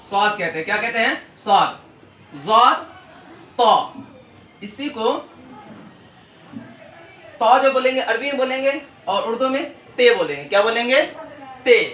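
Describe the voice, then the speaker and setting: Male language teacher, high and bright voice, repetitive question-and-answer drilling, recorded off-mic with room echo. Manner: call-and-response drilling, asks and answers his own questions. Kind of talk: classroom-style alphabet lesson. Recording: echoey room, distant mic.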